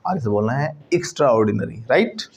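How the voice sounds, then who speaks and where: A male teacher with an Indian accent giving a classroom lesson, mixing Hindi and English and repeating words slowly for students to copy. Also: medium pitch, lively intonation, creaky, a loud crowd.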